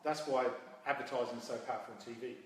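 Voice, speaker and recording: Speaking fast in a medium pitch, a man in his 40s, a guest who coaches MMA and founded his own outfit, gives casual interview answers about his story. A distant mic in a very echoey hall picks him up with faint noise.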